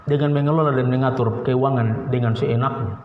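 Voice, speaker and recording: A male pastor with a Papuan Indonesian accent preaching a sermon, swinging from low pleading to sharp high outbursts, recorded in a church hall. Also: fairly even intonation, a little fast, slight background noise. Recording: roomy, dull, reverberant church recording.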